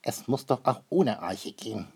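A man voicing a fussy, curious male water bird in a read-aloud storybook, talking in a high, questioning, naively clever way. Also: expressive, moderate pace, vocal fry, a little mellow, breathy edge.

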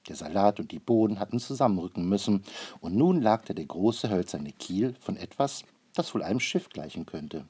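Husky male storyteller reading aloud. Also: low-pitched, animated, normal speed, warm tone. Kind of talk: storybook read-aloud narration.

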